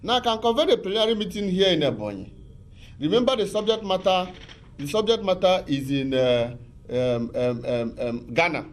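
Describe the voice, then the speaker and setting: A man with a voice pitched slightly above the usual male range talks through legal procedure on a television program. He lectures patiently, circling back over his points and filling pauses with hesitations. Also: animated. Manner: patient, repetitive, lecturing with many fillers. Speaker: legal expert guest. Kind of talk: explanatory TV talk on law.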